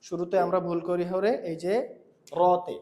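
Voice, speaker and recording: A man teaching Quran recitation, patiently correcting a student's pronunciation and repeating phrases slowly. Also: high voice, echoey room, highs cut off. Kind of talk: patient tutoring lesson.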